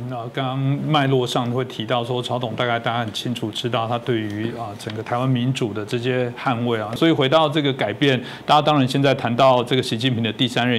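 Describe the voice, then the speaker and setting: A man's voice: medium pitch, slight background noise. A man with a Taiwanese Mandarin accent, hosting a political talk show and asking long, winding questions full of fillers.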